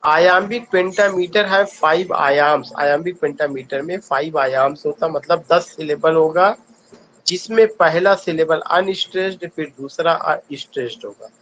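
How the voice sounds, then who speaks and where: Dull audio with a touch of hiss or hum captures a man with an Indian accent teaching English online for an exam. His voice sits on the high side, a bit bright and a little slow, as he asks and answers his own questions and repeats key points.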